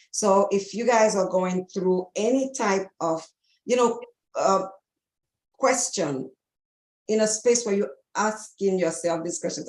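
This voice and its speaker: A woman's voice: lowish voice, gravelly, darkish tone. A woman co-hosting a talk show, speaking to viewers in a reflective, reassuring way. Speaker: co-host. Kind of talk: casual talk-show chat. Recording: echoey room.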